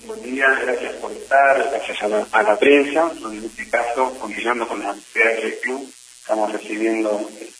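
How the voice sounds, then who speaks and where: A man hosting for a club, giving a halting, formal introduction of a visiting guest. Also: on the low side, fairly even intonation, a bit bright. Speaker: club host. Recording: distant mic with faint noise.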